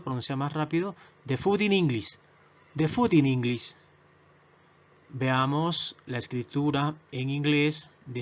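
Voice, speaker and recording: Slow Spanish-speaking English teacher, man. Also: fairly high pitch. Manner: slow, repeats each English word several times. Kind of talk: video lesson. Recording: dull lo-fi recording.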